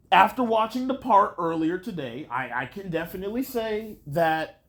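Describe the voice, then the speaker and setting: Rambling casual male show reviewer. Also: a little high. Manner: rambling, many fillers and restarts; candid, swears casually.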